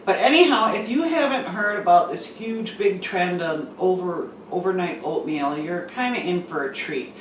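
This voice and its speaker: Woman cooking host, relaxed and chatty, big kitchen echo, mic set back from her. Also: fairly low pitch, normal speed, hardly any pauses, a little hiss or hum. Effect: big echo of a bare kitchen. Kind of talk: casual recipe demonstration. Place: half-packed, empty-sounding home kitchen. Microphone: camera mic from a distance. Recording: echoey room, voice far from the mic.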